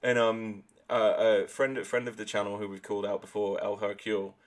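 A man's voice: lowish voice, flat delivery, fairly quick. A man co-hosting a casual podcast chat, sweary and rambling, with laughing asides. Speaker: podcast co-host.

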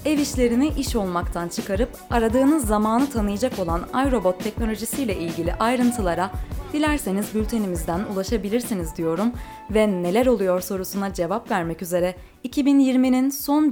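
A woman hosting a news podcast, reading a scripted bulletin in a clear, measured way. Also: medium pitch, animated, a little mellow, faint music behind. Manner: clear, measured newsreader delivery.

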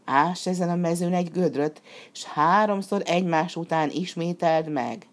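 A woman putting on a sly, flattering fox. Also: on the low side, lightly acted. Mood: wheedling. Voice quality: sweet, wheedling, drawn-out. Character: sly flattering female fox, lame beggar. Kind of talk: storybook reading.

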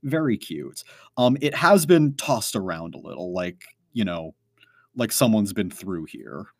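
A man's voice: lowish voice, very animated, a little slow, no echo, clean studio sound. A man narrating a tabletop game as game master, rambling with many fillers. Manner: rambling, full of "like" and "um".

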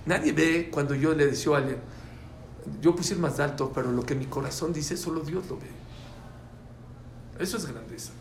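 Pausing often at a moderate pace, this man with a voice on the high side instructs a religious class emphatically, returning to key phrases and asking the students questions. The room is echoey with faint background noise.

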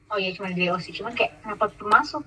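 A teenage girl chatting casually with a friend, slangy and animated with lots of fillers. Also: medium pitch, fast, slight background noise, poor audio. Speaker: podcast co-host. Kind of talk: casual gossip chat.

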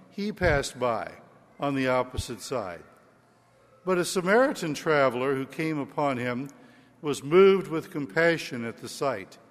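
Priest in a long cathedral echo. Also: male voice, mid-range voice. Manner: slow, measured church reading, sung responses. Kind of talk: liturgical gospel reading and homily. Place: large church. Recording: long church hall reverb.

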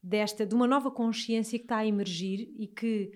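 A woman's voice: fairly high pitch, fairly even intonation, brisk. Informal Alentejo Portuguese woman chatting. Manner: informal, affirming, repeats phrases. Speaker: host interviewing a guest. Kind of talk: casual chat.

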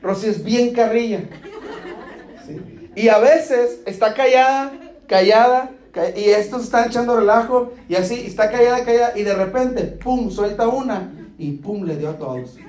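High-voiced pastor preaching. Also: male voice, moderate pace, a little mellow. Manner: asks the congregation "¿Está conmigo?" again and again; acts out short dialogues with playful humor. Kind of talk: sermon. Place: church hall. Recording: echoey church hall.

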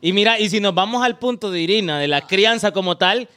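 A man co-hosts a casual podcast. His voice is high and bright. He makes his points in an earnest, reflective way. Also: expressive, a little fast, clear, resonant tone. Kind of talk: casual chat.

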